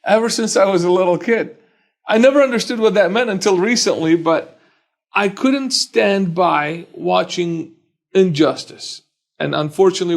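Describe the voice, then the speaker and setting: A man in his forties from Iraq, a personal injury attorney telling his life story as a podcast guest in an earnest, measured way. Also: on the high side, creaky.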